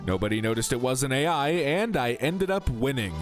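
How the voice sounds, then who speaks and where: A man's voice: mid-range voice, animated, fairly quick, soft background music. A man doing comedic read-aloud commentary as a host, theatrical, with sweary asides. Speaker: YouTube host reading social media posts aloud.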